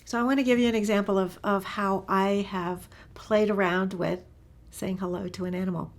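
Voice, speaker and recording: A woman teaching a gentle spoken lesson, soft-spoken and often dropping into whispers, enthusiastic with light laughs. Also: medium pitch, fairly even intonation, moderate pace. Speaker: animal communication teacher.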